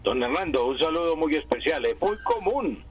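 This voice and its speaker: A man, a language expert answering listeners' questions on a radio call-in show. He explains pronunciation rules, repeating words slowly to contrast them. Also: on the high side, expressive, poor audio. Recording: radio broadcast with faint noise.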